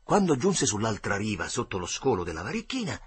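A man reading literary prose aloud with expressive, dramatic delivery. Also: fairly low pitch, fairly quick, breathy edge. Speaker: reader.

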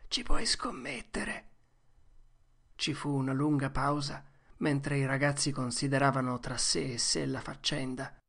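A narrator reading an audiobook in a steady, measured way. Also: mid-range voice, vocal fry.

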